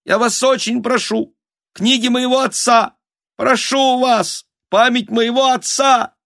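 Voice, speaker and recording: A man voicing a timid, trembling noblewoman in an audiobook, with a thin, squeaky voice. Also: steady tone, slow, vocal fry, fairly bright tone, no echo, studio quality, exaggerated voice. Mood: pleading. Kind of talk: audiobook character voice.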